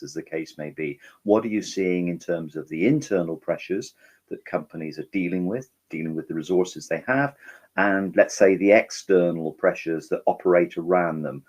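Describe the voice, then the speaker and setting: A man with a very low, husky voice moderates an online panel. He talks in a friendly, chatty way, with restarts here and there, and he passes the floor to each guest in turn. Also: darkish tone. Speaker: webinar panel chair.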